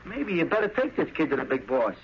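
A man's voice: fairly high pitch, very animated, fast talker, a little hiss or hum. Surly gangster henchman, dull old recording. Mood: gruff, wary. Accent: American. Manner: curt, slangy, threatening. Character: tough, menacing male gangster henchman, slangy and surly. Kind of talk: 1930s radio crime drama acting.

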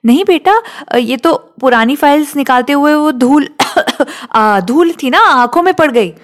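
Brief: a woman doing a tender father, soft and fond, voice pitched a bit high for a dad. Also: lively intonation, measured pace. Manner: soft, affectionate, brushing off worry. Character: loving middle-aged Indian father, gently reassuring.

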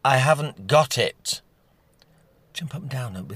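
A huffy, scandalised gentleman who cannot stop gossiping, as a man puts him on. His pitch swoops all over as he drawls out his darlings. It is recorded dry and close. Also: animated, takes it slowly, slightly rough, no echo, full character voice. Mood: indignant. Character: gossiping posh older Englishman, indignant and scandalised.

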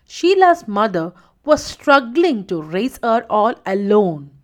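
Lively sing-song woman storyteller. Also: mid-range voice, slow. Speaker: storytelling host. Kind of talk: children's story narration.

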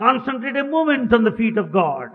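A man interpreting a sermon line by line, measured and deliberate, on a dull archive recording in a large hall. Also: very high-pitched, very animated. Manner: slow, measured phrasing.

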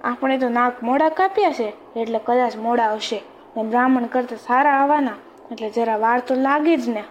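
A woman's voice: on the high side, moderate pace, slight background noise, natural voice. A woman voicing a foolish, boastful village barber in a storybook tale, sounding smug and sure of himself.

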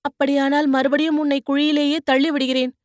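Sharp-tongued young boatwoman in a storybook, voiced by a woman, mocking retorts, high and soft, dry sound. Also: flat delivery, brisk, no echo, close to an everyday voice.

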